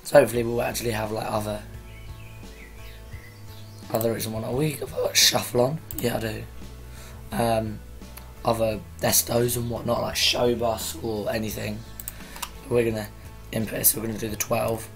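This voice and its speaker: A man with a croaky voice casually talking to viewers on a live stream, rambling as he sets things up. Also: on the low side, level tone, normal speed, long pauses, soft background music. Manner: rambling, chatty, addressing viewers.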